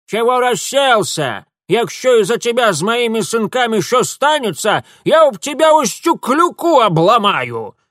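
A man putting on a shrill bossy old village woman. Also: big pitch swings, unhurried, few pauses, fairly bright tone, no room sound, clean studio sound, full character voice. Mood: scolding. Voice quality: shrill, screeching. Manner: rustic village dialect, scolding and bossy. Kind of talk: audiobook character voice.

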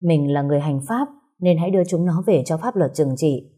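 A woman's voice: low-pitched, expressive, a little fast, warm tone, slightly rough. A woman voicing a cold, decisive older sister who leads a gang, speaking curtly. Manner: cold, curt.

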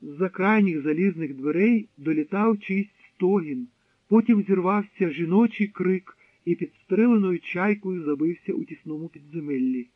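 A man narrating an audiobook in a steady, measured storytelling voice. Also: sits high, no room sound. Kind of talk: scripted narration. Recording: dry, tinny narrow-band sound.

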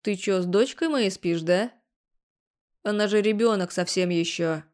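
A woman voicing an angry, protective middle-aged father who talks gruffly and threateningly, in an audiobook. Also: mid-range voice, unhurried, a little mellow, lightly acted.

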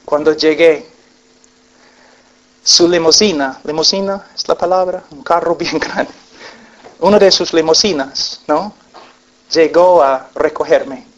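A man preaches with slow, deliberate weight, letting each phrase land before the next. He pleads with his listeners and rises to loud, fervent peaks. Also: on the high side, dull audio. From United States. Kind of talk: sermon. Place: meeting hall.

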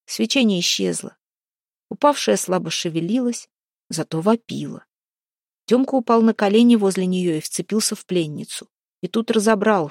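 A woman's voice: medium pitch, gravelly, a little mellow, no echo. Woman narrating in a dry, close voice. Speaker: audiobook narrator. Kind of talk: scripted narration.

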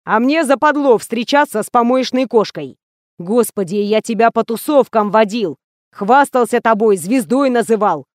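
Woman reading a contemptuous rich man, loud, slow and scolding. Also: on the high side, animated, no echo, studio quality, lightly acted. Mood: furious. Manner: loud, slow, scornful ranting.

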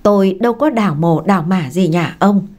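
A woman voicing a quarrelsome older village mother who shouts and curses. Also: mid-range voice, brisk, close to an everyday voice. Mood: angry. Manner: shrieking, cursing.

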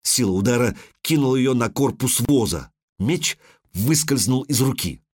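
A man narrating a fantasy audiobook with dramatic delivery, slowing down on violent moments, close on a microphone. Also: medium pitch, no echo.

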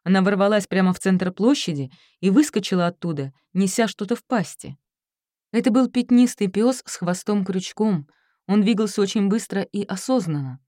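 A woman narrates a novel as an audiobook in a medium-pitched, mellow voice at normal speed, reading every character's dialogue herself with small shifts. The scripted narration has clean studio sound with no echo.

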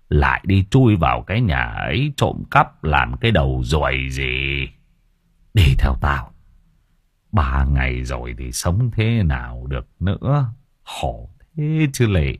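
A man reading an audiobook, voicing a poor, gruff but kind-hearted old village man who grumbles and curses slowly. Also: very deep voice, very animated, dry recording, clean studio sound, voice pushed down, heavily acted. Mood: weary scolding. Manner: grumbling, cursing, slow and weary.

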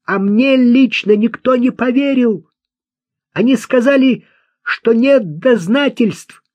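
A man's voice: a little high, slow pace, darkish tone, no room sound, voice pushed up. A man voicing a simple-minded, vengeful young man in an audiobook, talking bluntly and childishly. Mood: shouting. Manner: childish, blunt, hate-filled. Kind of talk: audiobook character voice. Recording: dull dry lo-fi recording.

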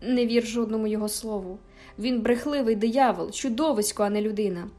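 A woman's voice: a little high, a little fast, mellow, faint music behind, natural voice. A woman voicing a bitter young wife. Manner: agitated, pleading, intense. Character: bitter, frightened young wife full of hatred.

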